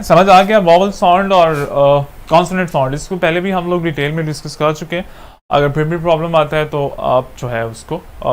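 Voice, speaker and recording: Male teacher, Pakistani accent, online class lecture, patient questioning, slightly raised pitch, faint hum behind. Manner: patient, asks students questions often. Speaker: English teacher.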